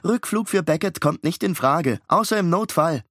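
A man's voice: a little high, lively intonation, moderate pace, a bit bright, no echo, studio quality, voice pushed up. Curt AI nanny, female voiced by a male narrator, clipped, formal, storybook. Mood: firm.

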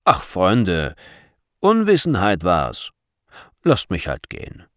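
Man voicing a steady father, storybook, low voice, firm, dry recording. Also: slow pace, no room sound, full character voice. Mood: appeasing. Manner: firm, calm, near his own voice. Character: calm, steady grown father, a crossbowman.

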